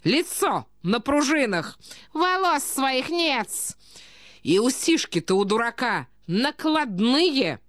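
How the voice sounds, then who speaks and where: A furious, scheming matron, put on by a woman hurls scornful insults. Her voice is high and swings widely, recorded dry and close. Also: big pitch swings, slow, dry recording, full character voice.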